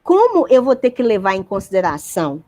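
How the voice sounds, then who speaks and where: A woman's voice: medium pitch, huge pitch swings, a little fast, a little mellow. A woman giving a university physics lecture, explaining step by step and checking in with her students.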